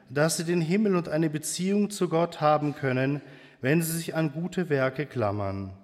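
A man preaching a sermon in a church, speaking slowly and hesitantly with pauses and fillers. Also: on the high side, long reverb tail.

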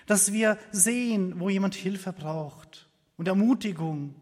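A man with a high voice preaches a sermon slowly and earnestly, building on repeated phrases and at times sinking almost to a whisper. His words ring out with the long reverb of a church hall. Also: a little mellow.

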